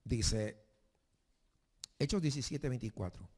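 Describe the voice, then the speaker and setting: A male pastor preaching a sermon with emphasis, slowing down to read scripture aloud, speaking. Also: mid-range voice, lively intonation, darkish tone, breathy edge. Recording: long church reverb.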